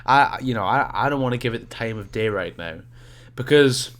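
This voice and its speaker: A man's voice: mid-range voice, animated, brisk, fairly bright tone. Young guy cohosting, nasal stuffy cold voice, rambles and stumbles a lot. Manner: rambling, stumbles over words. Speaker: podcast co-host. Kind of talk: casual podcast chat.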